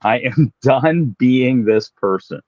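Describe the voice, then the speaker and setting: A man in his late fifties, a fitness professional telling his own story in a relaxed, self-deprecating way during an interview. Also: mid-range voice, slow pace, dry recording, muffled recording. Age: 50s.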